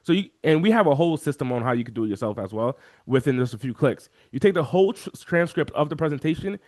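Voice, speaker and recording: A man talking as an interview guest, walking through software on a shared screen and acting out the voices of chat viewers. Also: on the high side, fast talker, dry recording, studio quality. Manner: animated, acts out quoted chat voices. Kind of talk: energetic screen-share walkthrough.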